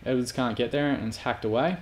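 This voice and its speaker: A man's voice: mid-range voice, fairly even intonation, fast talker. A man commentating his own football manager game, prone to sweary, exasperated outbursts. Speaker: gaming YouTuber.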